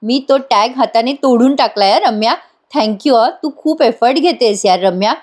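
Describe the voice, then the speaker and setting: A sweet young bride soothes everyone in a gentle, high voice, as a woman reading a recap acts her out. She sounds calm and kindly. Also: moderate pace, close to an everyday voice. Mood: friendly. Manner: soothing, reassuring.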